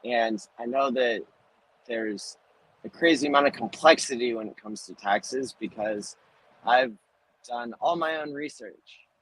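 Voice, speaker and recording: A man chatting casually over livestream headset audio from earbuds while driving on a highway. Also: a little slow, fairly bright tone, husky, low-quality recording. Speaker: therapist, call participant. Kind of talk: casual chat. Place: in a moving vehicle on a windy highway. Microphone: earbud headset mic, livestream audio.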